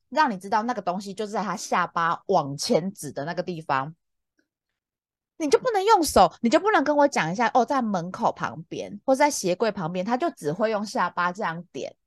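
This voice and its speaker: 一位三十多岁、带台湾口音的女播客主持人，闲聊时讲故事，语气激动、无奈，常常笑。. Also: female voice, no echo, clean studio sound. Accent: Taiwanese Mandarin. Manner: exasperated, lively, laughs often, big pitch jumps. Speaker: podcast co-host. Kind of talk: casual chat, animated storytelling.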